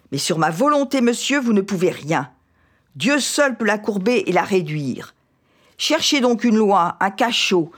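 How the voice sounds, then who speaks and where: A woman's voice: mid-range voice, pitched above the performer's own voice. A woman reading aloud as a proud young wife who answers her husband with cold, dignified defiance. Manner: icy, measured, dignified defiance.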